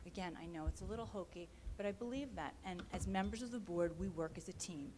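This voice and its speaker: A woman's voice: lowish voice, fast, a little mellow, slight background noise. A woman in her thirties speaking as a school board candidate at a public meeting, earnest and passionate, often saying "um" and "quite frankly". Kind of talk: candidate interview statement.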